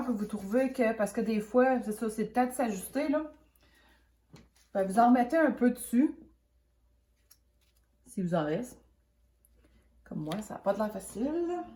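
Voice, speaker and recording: Casting: Quebec woman, soft mellow tone, chatty hands-on craft tutorial host with a cold, roomy echoing sound. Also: on the high side. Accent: Quebec French. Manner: chatty, rambling, hesitant thinking aloud. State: has a cold. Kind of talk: casual hands-on painting tutorial.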